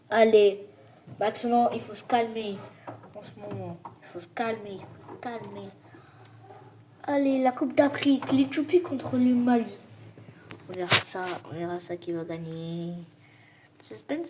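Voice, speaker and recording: A woman's voice: fairly high pitch, darkish tone, a little hiss or hum. A woman doing casual gameplay commentary on a football video game, frustrated and repeating her complaints over and over, now and then slipping into mock play-by-play.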